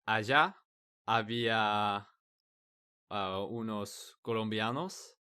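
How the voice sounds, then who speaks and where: Slow, hesitant man learning the language. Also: on the low side, pushed and bright, clear, resonant tone. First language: not Spanish. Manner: hesitant, searching for words with many restarts. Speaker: podcast host. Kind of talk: casual conversation in a learned language.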